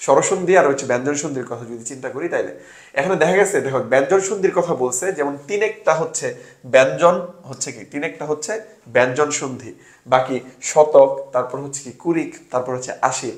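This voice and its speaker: A man's voice: a little high, quick pace, reverberant. A young man from Bangladesh tutoring an admission test class in a casual way. He asks questions and answers them himself, and he drops English words into his talk. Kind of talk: casual online exam-solving class.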